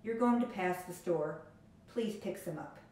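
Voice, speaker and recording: A woman teaching an English grammar lesson, speaking slowly and clearly and reading out example sentences. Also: on the low side, a little mellow, slight background noise. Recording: very echoey room.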